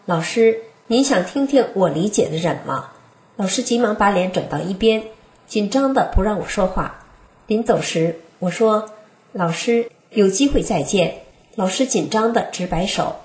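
A young woman reading her first-person testimony aloud in a steady, earnest manner. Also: medium pitch. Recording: roomy echoey room.

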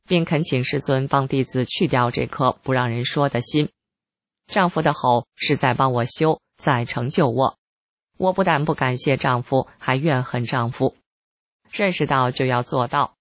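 A reader giving scripted narration of a first-person article in a calm, measured, even way. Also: medium pitch, no room sound.

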